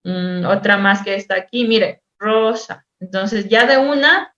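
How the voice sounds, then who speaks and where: A woman teacher-therapist giving a lecture on spelling intervention, explaining patiently, repeating words and drawing out sounds slowly as examples. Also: mid-range voice, fairly bright tone. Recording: echoey room, dull lo-fi sound.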